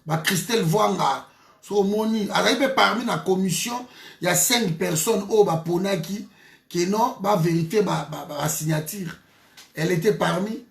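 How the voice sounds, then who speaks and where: A man's voice: high voice, normal speed, creaky, roomy sound. A man from DR Congo, giving a heated political monologue as a commentator, emphatic and repeating his phrases with frequent restarts.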